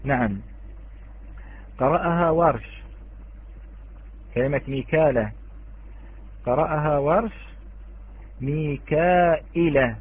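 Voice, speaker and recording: A man's voice: on the high side, normal speed, pauses often, husky, dry recording. A man teaching an online Quran recitation lesson, patiently quizzing students and chanting the example words. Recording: tinny phone-like online audio.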